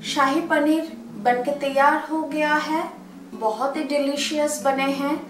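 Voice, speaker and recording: Over faint music on a rough recording, a woman speaks slowly in a high, steady voice. With an Indian accent, she narrates a step-by-step cooking lesson for her channel, keeping it simple and shifting between Hindi and English.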